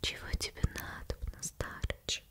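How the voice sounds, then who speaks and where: A woman voicing a calm, kindly magical golden fish from a storybook, in a soothing whispered role-play. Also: measured pace, natural voice. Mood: calm, reassuring.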